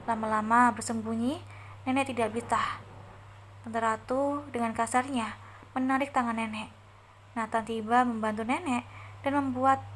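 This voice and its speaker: A woman reading an audio novel aloud in a steady storytelling manner. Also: a little high, slight background noise. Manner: steady storytelling, first-person voice.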